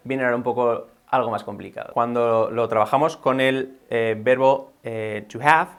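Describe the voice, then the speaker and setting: Guy teaching english on video, says words over and over slowly. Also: medium pitch, fairly even intonation, clean tone. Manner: drills words by repeating them slowly. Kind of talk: bilingual video lesson.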